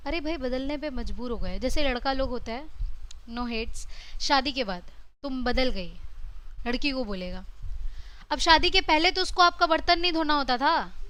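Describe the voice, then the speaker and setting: A high-pitched, bright-toned Indian woman lectures her classroom. Her delivery is lively and chatty, and she switches freely between Hindi and English. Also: normal speed, smooth. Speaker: teacher.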